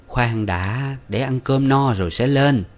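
Man doing a gentle motherly lady, raised soft voice, coaxing, audiobook. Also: medium pitch, measured pace, pitched above the performer's own voice, natural voice. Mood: kindly. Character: kindly wealthy middle-aged lady, gentle, motherly. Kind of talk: audiobook reading.

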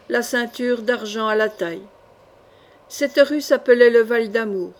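A woman narrating an adventure novel in a measured, expressive reading. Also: fairly high pitch. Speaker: audiobook narrator. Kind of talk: scripted literary narration.

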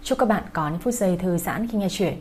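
A woman's voice: lowish voice, lively intonation, brisk, darkish tone, slight background noise. A woman host giving a polite, formal scripted introduction to an audiobook for her listeners. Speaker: channel host.

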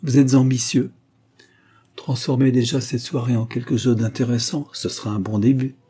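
A man reading an audiobook, voicing a proud, quick-witted young baroness with dry, cutting repartee. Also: mid-range voice, flat delivery, dark tone, husky, close to an everyday voice. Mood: sly.

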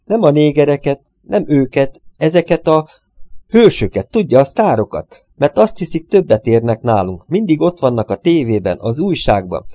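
A jittery, shrill little man of about forty-five, put on by a male audiobook reader, pleading and squealing with indignation. His voice jumps much higher than the narration and pushes louder, over a dry, close sound. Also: big pitch swings, dry recording.

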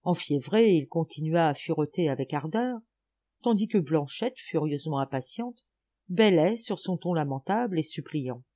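A woman reading a story aloud as an audiobook reader, in lively and expressive literary narration. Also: deep voice, moderate pace.

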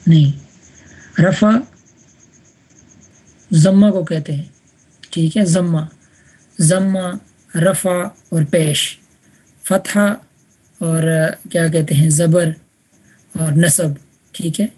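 A woman's voice: on the low side, fairly even intonation, long pauses, warm tone, slightly rough. A woman teaching an Arabic grammar class online, patiently repeating examples and checking that students follow. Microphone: online voice chat room.

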